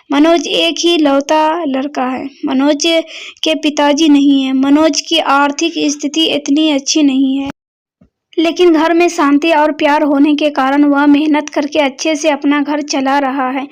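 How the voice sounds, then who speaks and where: A woman reading a scripted family story as narrator, in a flat, even manner. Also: high-pitched.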